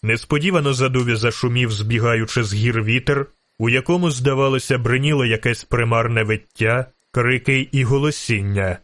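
A man narrating a fantasy audiobook with steady, vivid storytelling. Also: mid-range voice, moderate pace, few pauses, no room sound.

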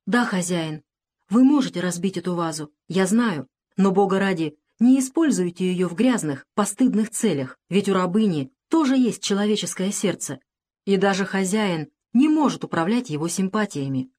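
A woman reading the part of a gentle, devout young enslaved woman in an audiobook, with a tremulous, pleading delivery. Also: medium pitch, lively intonation, normal speed, natural voice.

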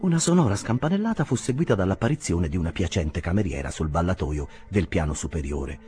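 A man reading a classic novel aloud as narrator, expressive and theatrical. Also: deep voice, a little fast.

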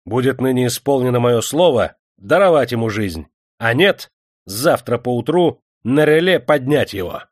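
A man voicing a stern, commanding male Cossack chieftain who barks orders loudly. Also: medium pitch, lively intonation, moderate pace, dry recording, studio quality, natural voice. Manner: loud, imperious orders.

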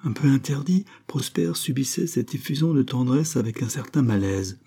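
A man narrating a novel aloud in a measured, even storytelling manner. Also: medium pitch, gravelly, husky. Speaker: audiobook reader. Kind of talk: scripted narration.

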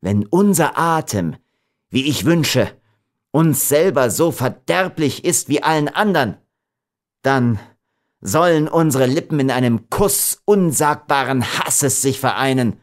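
A furious young man in a storybook reading, scornful and bitter, as a narrator plays him. His words come loud and slow. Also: medium pitch, animated, pitched above the performer's own voice, natural voice.

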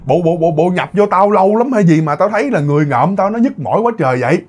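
A man's voice: high-pitched, expressive, quick pace, a little mellow, pitched above the performer's own voice. A man voicing a dazed man just awake from possession, asking anxious questions. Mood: bewildered.

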